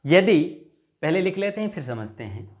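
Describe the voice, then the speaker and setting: Young male tutor, slightly high voice, patient, repetitive teaching style. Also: animated. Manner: explains patiently, repeats words slowly, asks students questions; dictates rules word by word. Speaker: Hindi grammar teacher. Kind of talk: exam-prep lesson.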